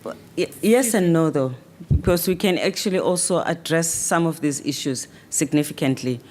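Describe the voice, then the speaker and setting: Woman panelist, very low voice, firm and reflective. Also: normal speed, darkish tone.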